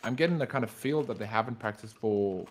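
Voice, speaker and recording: An esports analyst, a man with a husky, deep-sounding voice, talks through the match in a halting, thoughtful way. He is on an online voice call with some background noise of clicks and game gunfire. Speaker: esports co-commentator. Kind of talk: live esports commentary and banter. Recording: noisy voice chat with clicks, gunfire.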